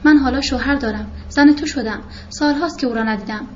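Lady reading as sad worn-out young wife, teary, soft and tired. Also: high-pitched, dull audio, slight background noise, natural voice. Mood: tearful. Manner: tired, sorrowful, tearful. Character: weary grieving young wife.

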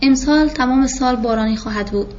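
A woman narrating a first-person novel in a reflective, measured way, in a muffled recording with faint hiss. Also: high-pitched, a little mellow. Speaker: audiobook narrator.

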